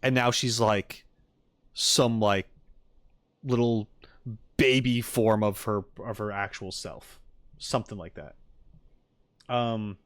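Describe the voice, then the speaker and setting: Speaking slowly with long pauses, this man streams game-video reactions and theorizes in casual chat with his viewers. He rambles through his thoughts and emphatically acts out quotes from others. His voice is on the low side and a bit bright, with fairly even intonation and no echo.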